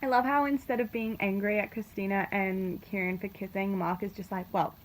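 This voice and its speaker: A book reviewer vlogger reacts casually to a novel, retelling it in gushing, slangy fan talk with sarcastic asides. Her mid-range voice has fairly even intonation and moves a little fast, captured in noisy, glitchy amateur phone audio.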